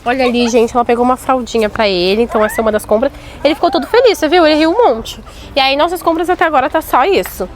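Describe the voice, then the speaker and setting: A woman filming a casual vlog on her phone in a supermarket aisle, talking excitedly with playful mock alarm. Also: sits high, rapid-fire. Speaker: mother filming a family outing. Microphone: handheld phone camera. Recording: noisy store ambience.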